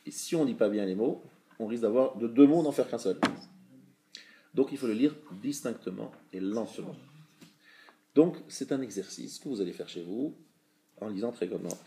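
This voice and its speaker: A man teaching a live religious class, explaining patiently, checking with his students and sounding out words slowly to show them. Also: lowish voice, expressive, mellow, a little hiss or hum.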